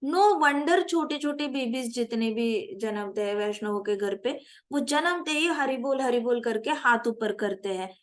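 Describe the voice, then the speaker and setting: A woman giving a scripture class in an animated way, asking her listeners questions and mixing in English phrases. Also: on the high side, a little slow. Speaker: spiritual teacher.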